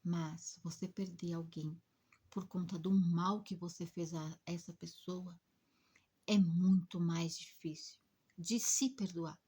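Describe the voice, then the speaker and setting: A woman telling an emotional spiritual story as a spiritist rescue worker, in a hushed, breathy, dramatic way. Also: fairly low pitch, steady tone, slow.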